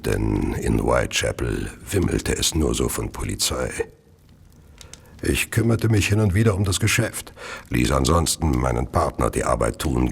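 A gloating Victorian gentleman killer in a radio play. His voice is extremely low, husky and full of gravel, and he takes his time, relishing his words with smug theatrical menace. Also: heavily acted. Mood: smug, confiding. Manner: slow, savouring, theatrical, self-satisfied. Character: gloating, arsenic-addicted Victorian serial killer, wealthy gentleman. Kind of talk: German radio play monologue and narration.

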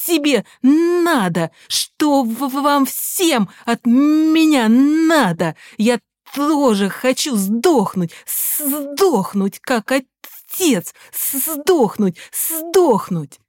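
A woman voicing a furious teenage boy who stutters, shouts and swears. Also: sits high, animated, very slow, no echo, studio quality, voice pushed up, full character voice. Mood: screaming.

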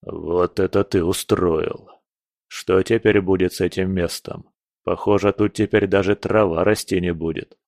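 A man voicing a gruff armored old warrior. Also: deep voice, fairly even intonation, a little slow, darkish tone, no echo, clean studio sound.

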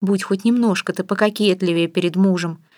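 A woman's voice: mid-range voice, steady tone, fairly quick, a little mellow, no room sound, studio quality, natural voice. A woman reading an audiobook, voicing a stern, fussy middle-aged mother who scolds and gives orders. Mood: bossy. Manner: scolding, bossy. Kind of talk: audiobook character voice.

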